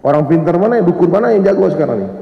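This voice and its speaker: A man preaching a mosque sermon, animated, speaking straight to his listeners and acting out the stories. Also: on the high side, very fast, gravelly. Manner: animated, addresses listeners directly, acts out quotes. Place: large mosque hall. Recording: echoey hall, muffled sound.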